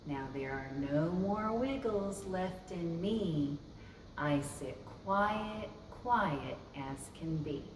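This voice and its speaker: A children's librarian hosting storytime reads a story aloud slowly and in a highly animated way, expressive and speaking directly to her young listeners. The recording is roomy and echoey, with a distant mic and noise.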